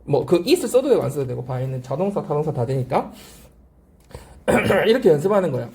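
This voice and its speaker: A language-academy teacher lectures on grammar, voice rising and falling in a very lively way. The tone is warm and relaxed rather than bright, and the delivery keeps circling back to repeated drill phrases and questions to the class. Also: medium pitch, moderate pace. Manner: asks frequent rhetorical check-questions.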